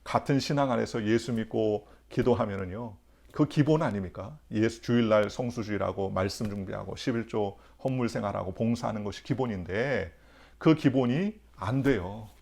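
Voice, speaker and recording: A man's voice: on the low side, moderate pace, creaky, a little mellow. A male pastor preaching a dawn sermon, telling stories and asking the congregation rhetorical questions with emphasis. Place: church.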